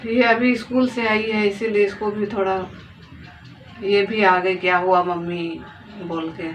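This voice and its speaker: A woman's voice: mid-range voice, fairly even intonation, measured pace, soft background music. A woman in her thirties, a mother of two daughters, telling her story and pleading earnestly, repeating phrases as she speaks. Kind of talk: emotional personal testimony to camera. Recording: distant, dull lo-fi phone audio with faint noise.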